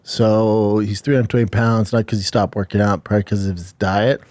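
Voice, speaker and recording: A man's voice: fairly low pitch, level tone, moderate pace, darkish tone, no echo. A man giving casual advice and banter in blunt, slangy language with some swearing.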